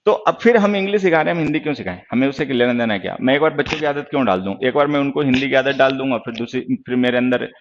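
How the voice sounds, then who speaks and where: Stern Hindi-speaking teacher, lo-fi sound. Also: male voice, mid-range voice, expressive, very fast, hardly any pauses, a little hiss or hum. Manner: stern, lecturing, calls viewers "bachche". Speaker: English teacher. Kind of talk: online class, explaining grammar and answering chat.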